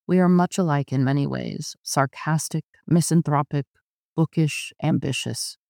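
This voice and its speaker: A man reading a first-person literary story aloud in a measured, intimate narration. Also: on the high side, gravelly, a little mellow, dry recording, clean studio sound. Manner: measured, intimate, often slow. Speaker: audiobook narrator.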